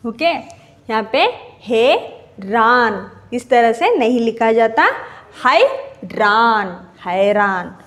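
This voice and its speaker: A woman's voice: a little high, lively intonation, drawn-out words, fairly bright tone. A woman teacher giving a grade-school grammar lesson, spelling words out syllable by syllable and repeating each one drawn out.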